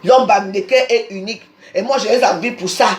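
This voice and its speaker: Une femme camerounaise à l'accent du Cameroun qui lance une diatribe agressive en direct sur un réseau social, répétant ses insultes, enregistrée au téléphone. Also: female voice, medium pitch, brisk, a little hiss or hum. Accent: Cameroonian French. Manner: combative, insulting, repetitive. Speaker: social media personality. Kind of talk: angry live social media rant. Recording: roomy echo.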